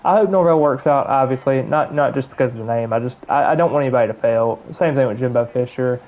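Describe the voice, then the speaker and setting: A fast-talking man of medium pitch, from Alabama and speaking with a Southern accent, rambles casually with many fillers as he streams a video game. The recording is muffled and carries a little hiss or hum.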